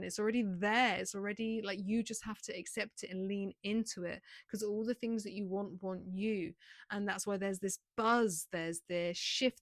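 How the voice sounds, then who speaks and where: Woman, tarot reader, gentle repeated affirmations, mid-pitched voice, dry close sound. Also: dry recording. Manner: gentle, repetitive affirmations with frequent "like" fillers. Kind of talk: pick-a-card tarot reading to camera.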